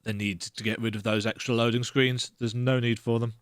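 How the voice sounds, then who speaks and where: A man's voice: medium pitch, flat delivery, brisk. A man giving casual let's-play commentary, thinking aloud as he plays. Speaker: gamer.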